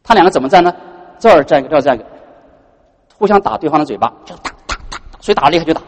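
Male pastor, sermon, husky tone, rhetorical questions, reverberant church hall. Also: on the high side, rapid-fire. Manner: animated, full of rhetorical questions to the congregation.

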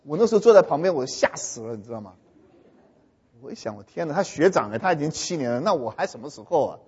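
Heard through a lo-fi, dull recording drenched in long hall reverb, a speaker tells his audience a funny story. His voice is high, lively, slightly husky and swooping, and he keeps stopping in an animated way to check that listeners understand.

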